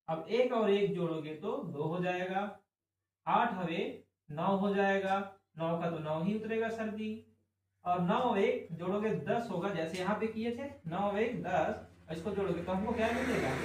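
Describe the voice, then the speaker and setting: A man teaching a class for exam students, his high voice ringing through a very echoey room. He is some distance from the mic. He talks slowly through each step, asking questions and answering them himself. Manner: drawn-out explaining. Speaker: reasoning teacher.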